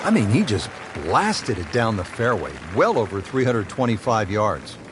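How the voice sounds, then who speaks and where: A man's voice: on the low side, big pitch swings, normal speed. Male golf play-by-play announcer, noisy outdoor crowd. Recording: outdoor crowd and ambient noise behind. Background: crowd and outdoor ambience.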